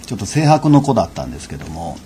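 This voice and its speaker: A man giving a lecture and telling an anecdote in a measured, unhurried way, with frequent fillers. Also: sits low, big pitch swings, mellow, a little hiss or hum. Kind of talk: storytelling lecture.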